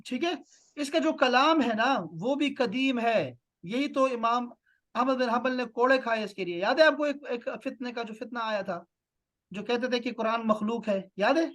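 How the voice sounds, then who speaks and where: A man's voice: very high voice, fairly bright tone. A man from Pakistan teaching an online class in a questioning, repetitive manner. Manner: questioning, repeats "theek hai" and "na".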